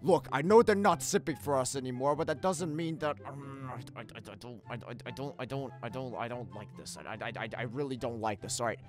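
A man's voice: medium pitch, a little fast, hardly any pauses, lightly acted. A man voicing a grumpy, easily panicked cartoon hedgehog antihero, ranting in exasperation and stammering when nervous. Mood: nervous, flustered. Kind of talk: comic dub voice acting. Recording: music playing behind the voice.

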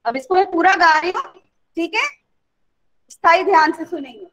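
A woman music teacher who sings sargam note names slowly and patiently explains each step of a raga song to her class. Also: extremely high pitch, fairly bright tone, muffled recording.

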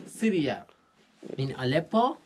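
With a slightly high, very animated voice of darkish tone, a man leads a guided tour through the outdoors and a mud-brick house. He halts often, using fillers and short broken-English phrases, on poor audio with slight background noise.

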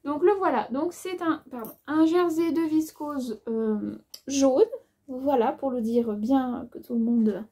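A woman's voice: high voice, unhurried, hardly any pauses, dark tone. A woman with an accent of her own, chatting casually in a sewing haul video, thinking aloud as she measures fabric, with plenty of hesitations and filler words. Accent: has an accent of her own. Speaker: sewing vlogger.

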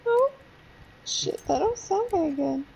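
High-voiced teasing woman gamer. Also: expressive, unhurried, creaky, darkish tone, lo-fi sound, a little hiss or hum. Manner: teasing, incredulous questions. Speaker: gamer on voice chat. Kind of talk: casual gaming banter.

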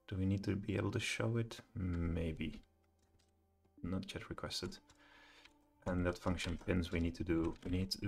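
A middle-aged man with a deep, low voice talks through a live coding session from his home office. He thinks aloud, pausing often with ums and uhs. Faint music and keyboard clatter sit behind him. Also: vocal fry. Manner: thinking aloud, hesitant with many fillers. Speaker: programming tutor.

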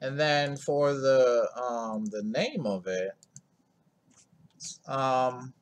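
A man's voice: mid-range voice, drawn-out words, slight background noise. A man hosting a screen-recorded coding tutorial, talking in a laid-back, rambling way full of ums and asides.

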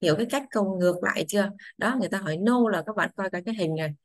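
A woman's voice: mid-range voice, heavy background noise. Woman teaching children. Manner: patient, repeats English phrases slowly, then translates. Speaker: English teacher. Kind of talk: explaining grammar to children.

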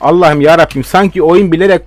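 A man's voice: fairly high pitch, quick pace, dry recording, faint music behind. A young man giving live game commentary, ranting and swearing in frustration at his opponents. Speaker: gaming video host.

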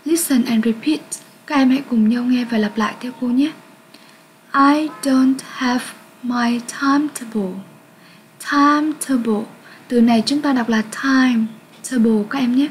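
A Vietnamese-accented woman with a high voice teaches English to children. She talks slowly and clearly and sounds out each word for pupils to repeat. A faint hiss sits behind her. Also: steady tone, rough recording. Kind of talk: grade-six English lesson for children.

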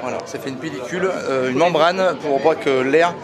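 A man's voice: on the high side, brisk, crowd noise. A man who runs the restaurant, explaining his dishes plainly and matter-of-factly. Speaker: restaurant owner.

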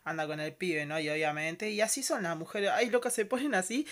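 A man's voice: high-pitched, brisk, a bit bright, slight background noise. A man with an Argentine accent casually commenting on a TV episode, chatty and rambling, with slangy asides and mock-disgusted exclamations. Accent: Argentine Spanish. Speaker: reaction commentator.

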